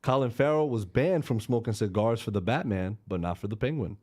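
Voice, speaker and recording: A man hosting a casual entertainment podcast who reads news items in a relaxed way, with frequent "um"s and laughs. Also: on the low side, brisk. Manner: relaxed, laughs often, many fillers. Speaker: podcast host. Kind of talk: casual chat.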